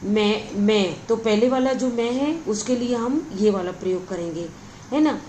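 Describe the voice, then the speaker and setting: A woman's voice: on the high side, a little slow, darkish tone, a little hiss or hum, poor audio. A woman teaching a grammar lesson, explaining each point patiently and checking in with her listeners again and again. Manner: patient, repeats words and adds frequent check-ins.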